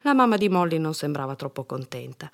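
Lady reading a bedtime story to kids, lowish voice, expressive. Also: fairly quick, vocal fry. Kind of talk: reading a children's story aloud.

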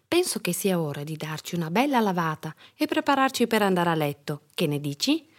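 A woman's voice: on the low side, big pitch swings, a little fast. A woman voicing a firm but loving mother in a storybook reading, with a scolding yet tender manner. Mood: gentle.

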